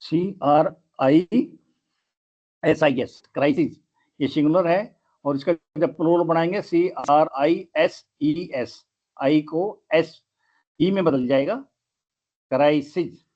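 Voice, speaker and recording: Slow, deliberate male grammar teacher. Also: a little high, a little mellow, dull audio. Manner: spells words out letter by letter, slow and deliberate. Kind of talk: lesson.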